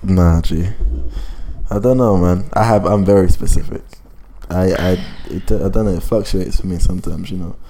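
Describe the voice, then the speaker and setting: A man's voice: low-pitched, steady tone, normal speed, warm tone. A young man with a London urban roadman accent, arguing casually on a podcast in heavy street slang, with noise behind him. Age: young adult. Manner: slangy, argumentative. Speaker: podcast host. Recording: clear background noise.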